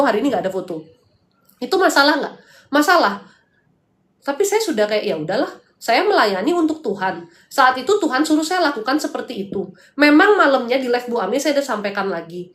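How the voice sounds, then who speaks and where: A woman from hosting a live spiritual consultation, blunt and chatty, mixing preaching with slangy asides. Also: a little high. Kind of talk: casual livestream talk, answering viewers. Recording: echoey room.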